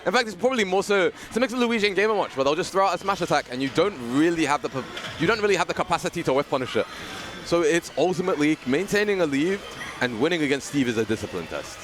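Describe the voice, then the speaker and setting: British male esports caster, playful and excitable, higher register. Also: fast talker. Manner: playful, jokey, excitable on big moments. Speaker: esports commentator. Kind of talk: live tournament commentary.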